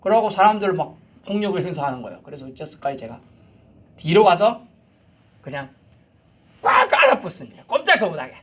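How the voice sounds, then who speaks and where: Lively, dramatic male pastor preaching. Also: high voice, brisk, pauses often. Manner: dramatic, shouts commands and drops to near-whispers. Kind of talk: sermon.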